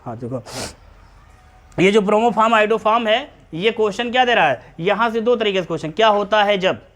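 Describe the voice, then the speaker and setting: A man lectures on chemistry to a room of students. His voice sits high, and he keeps pausing to ask whether the class has understood. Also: a bit bright. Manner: repeatedly checks understanding, calls students beta. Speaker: chemistry teacher.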